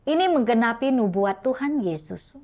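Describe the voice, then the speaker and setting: A woman preaching a sermon in a slow, deliberate way. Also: a little high, animated, a little mellow.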